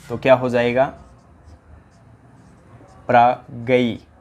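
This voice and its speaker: A man's voice: mid-range voice, completely flat delivery, slow pace, darkish tone. Man with a Rajasthani accent, drilling a grammar lesson. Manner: drills answers by repeating questions; addresses students as "companions". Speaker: teacher. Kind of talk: exam-prep grammar lesson.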